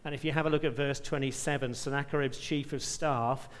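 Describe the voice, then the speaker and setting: A man's voice: medium pitch, steady tone, brisk, clear, resonant tone, big-room sound. A man preaching a sermon, reading scripture aloud with rising emphasis and asking rhetorical questions.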